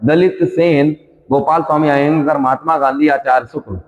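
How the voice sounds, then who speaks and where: A man with a slightly high voice runs a quiz-style exam revision lesson. He reads each question with its options aloud, repeats it, then gives the answer. The recording sounds dull, with a long hall reverb. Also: steady tone, normal speed. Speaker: exam coaching teacher.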